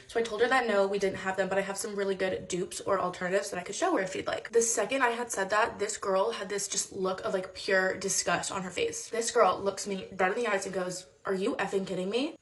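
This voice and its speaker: A woman's voice: mid-range voice, a little fast, few pauses. A woman who used to work at a beauty store tells a casual, chatty story with many "like"s. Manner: chatty, animated, lots of "like". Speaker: former beauty store worker.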